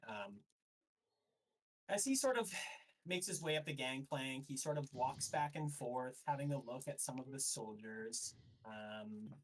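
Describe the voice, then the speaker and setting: A man's voice: medium pitch, lively intonation, a little slow. Hesitant man narrating a tabletop game. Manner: hesitant, full of um and sort of. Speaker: dungeon master. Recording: voice a bit far from the mic.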